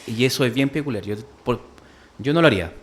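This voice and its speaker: Speaking quickly at a medium pitch with lively intonation, a man with a Chilean Spanish accent teaches a church history class. His talk is full of fillers, he keeps asking "¿cierto?", and he calls his listeners "hermano".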